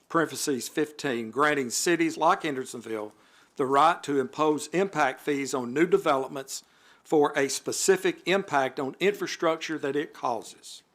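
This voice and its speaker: This city board member, a man with a slightly high, fairly bright voice, reads prepared remarks in a formal way at a council meeting. Every so often he breaks off for an aside.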